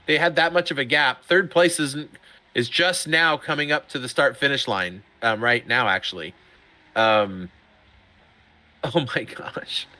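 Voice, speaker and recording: Excitable male sim racing commentator. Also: medium pitch, a little slow. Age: middle-aged. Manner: excitable, chatty, laughs often. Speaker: race commentator.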